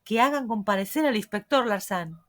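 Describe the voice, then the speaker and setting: A woman reading the lines of a bold young male reporter, calm, unhurried and sure of himself. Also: mid-range voice, lightly acted. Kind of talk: audiobook reading.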